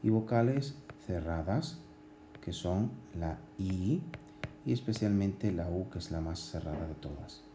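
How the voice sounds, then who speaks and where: A man teaching grammar at a board, explaining slowly with many pauses, fillers and restarts. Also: low-pitched, animated, echoey room, noisy background. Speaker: Spanish language teacher.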